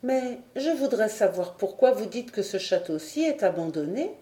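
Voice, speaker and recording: A woman reading a storybook, voicing a naive, gentle young girl close to her own voice. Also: mid-range voice, big pitch swings, normal speed, close to an everyday voice. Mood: innocent. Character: simple, candid young girl, painter's daughter. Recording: roomy echo.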